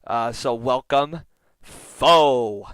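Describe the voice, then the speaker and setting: A man's voice: mid-range voice, drawn-out words, a bit bright, clear, resonant tone, no echo, low-quality recording. A man hosting a casual podcast chat, introducing his co-hosts with playful, teasing asides. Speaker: podcast host.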